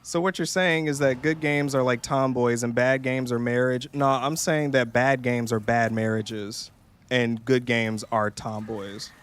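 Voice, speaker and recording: A man's voice: mid-range voice, steady tone, measured pace, fairly bright tone, clean tone. A young man streaming a game, chatting casually in a jokey, profane, rambling way and slipping into mocking voices. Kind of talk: casual gameplay streaming chat.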